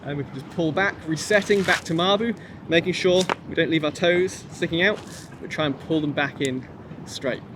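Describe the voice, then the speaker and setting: A man with a fairly high voice leads a martial arts class as the instructor. He gives short, step-by-step commands and counts in an informal, encouraging manner. The recording has clear outdoor traffic noise behind him. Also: moderate pace. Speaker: kung fu instructor.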